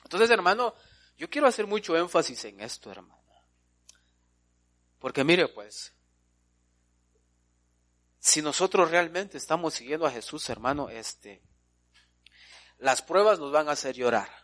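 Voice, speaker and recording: Preacher guy, emphatic sermon, voice a bit high and swinging all over. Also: big pitch swings, measured pace, pauses often, a bit bright. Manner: emphatic, keeps addressing listeners as brother.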